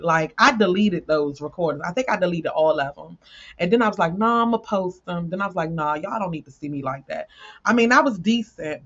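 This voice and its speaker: A woman's voice: on the low side, muffled recording. A woman tarot reader chatting casually to her viewers, repeating herself and swearing freely.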